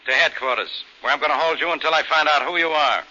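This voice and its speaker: Brash, forceful American police inspector. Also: male voice, on the high side, quick pace. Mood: gruff, skeptical. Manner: blustery, sarcastic. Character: gruff, sarcastic male police inspector. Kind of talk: 1940s radio acting. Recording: muffled old 1940s radio recording.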